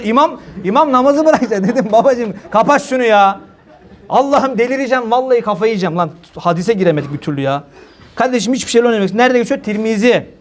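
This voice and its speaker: High-voiced joking male preacher. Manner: joking, storytelling, mimics people, laughs at own jokes. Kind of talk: humorous religious talk to a congregation. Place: mosque or hall with a congregation.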